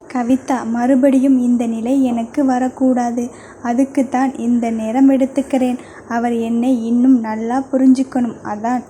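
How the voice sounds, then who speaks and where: Female narrator playing a playful younger sister; flat melody, dark warm tone. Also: fairly high pitch, normal speed, slight background noise, close to an everyday voice. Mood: earnest. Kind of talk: audio novel reading.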